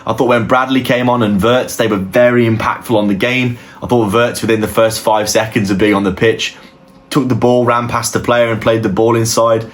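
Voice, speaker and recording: A man's voice: medium pitch, steady tone, fairly quick. A man giving a casual, opinionated match analysis as host of his football channel, often restarting his sentences. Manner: conversational, opinionated, with frequent restarts.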